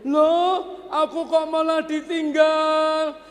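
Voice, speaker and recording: A man putting on a frantic young mother, Siti Hajar, crying out in a high falsetto that leaps wildly up and down. Her anxious, breathless pleas ring through a long hall reverb. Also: animated, takes it slowly, mellow, faint music behind, full character voice. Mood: pleading.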